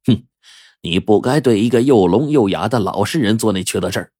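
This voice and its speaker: A man storyteller voicing a shrewd old male village fortune-teller with a husky, drawling, knowing manner. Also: fairly low pitch, expressive, a little fast, mellow, no room sound, studio quality.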